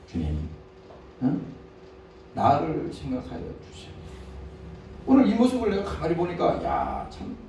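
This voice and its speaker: A man preaching a Sunday sermon as pastor, asking his congregation questions and nudging them with "eh?", switching between loud scripture readings and quiet asides. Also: very high voice. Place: church sanctuary. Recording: echoey church hall from far off, faint noise.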